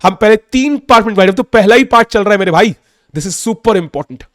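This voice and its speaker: Excitable young man coaching chess, sore throat. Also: sits high, moderate pace, dry recording, studio quality. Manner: excitable, calls out moves, mixes in English. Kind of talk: casual chess lesson.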